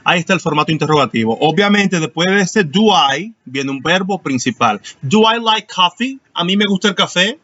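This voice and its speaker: Male teacher, slightly high voice, patient explaining, lo-fi online class audio. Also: animated, brisk, hardly any pauses, pushed and bright, no room sound. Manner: explanatory, asks students questions. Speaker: English teacher.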